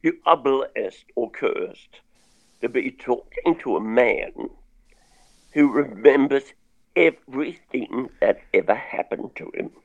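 A man's voice: mid-range voice, animated, slow pace, muffled recording. A man with a crackling voice, telling his story with wry chat as a songwriter guest. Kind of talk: casual remote interview.

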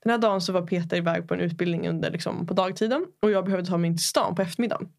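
A woman's voice: on the low side, vocal fry, a little mellow. A woman podcast host chatting casually, telling a rambling anecdote with many fillers.

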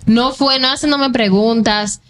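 A woman's voice: a little high, fairly even intonation, measured pace. Earnest woman reflecting in casual chat. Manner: earnest, reflective, addresses listeners directly. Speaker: podcast co-host.

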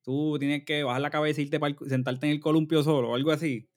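A man's voice: fairly high pitch, flat delivery, dry recording. Profane Puerto Rican man, dry sound. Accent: Puerto Rican Spanish. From Puerto Rico. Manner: profane, emphatic, quick banter. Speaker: podcast co-host. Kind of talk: casual chat.

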